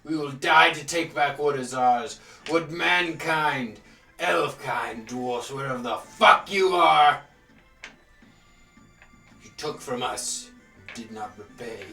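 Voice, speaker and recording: Guy doing a bitter proud fire giant speech, tabletop game villain, slow, roomy sound w music behind. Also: mid-range voice, gravelly, sharp tone, recorded from a distance, heavily acted. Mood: proud, vengeful. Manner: slow, declamatory, scornful.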